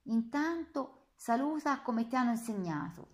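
A woman reading an audiobook, voicing a harsh male SS lieutenant who shouts orders. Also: high voice, big pitch swings, moderate pace, voice pushed up. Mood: commanding.

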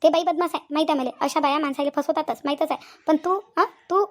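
A woman with a Vidarbha Marathi accent voicing a middle-aged village aunt in a cartoon, scolding loudly and repeating herself. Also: high-pitched, steady tone, fast talker, lightly acted. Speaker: aunt Shanta. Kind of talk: cartoon dialogue acting.

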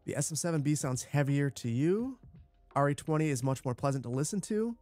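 Boomy-voiced man chatting on a livestream. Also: animated, brisk, a little mellow, faint music behind. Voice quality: boomy, bass-heavy sound on the mic. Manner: chatty, repeats short phrases. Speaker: livestream host, gamer. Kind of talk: casual livestream chat while gaming. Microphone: close broadcast dynamic microphone.

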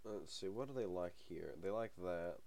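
A young let's-play host with a cold talks over his game at home, sniffling in a low, deep voice. His commentary is casual and meandering, heavy on ums and hesitation, with the odd chuckle to himself. He speaks at normal speed, sounding gravelly with a darkish tone.

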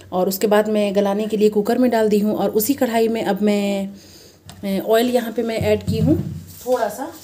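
Chatty woman cooking, mellow voice. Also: medium pitch. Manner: chatty, addresses viewers as friend, step-by-step explaining. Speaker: cooking channel host. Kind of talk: casual cooking demonstration. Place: home kitchen at the stove. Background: frying and sizzling from the pan.

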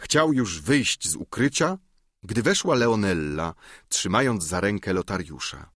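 A male audiobook narrator reading a classic novel in measured, expressive storytelling, recorded in a studio. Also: on the low side, husky, dry recording.

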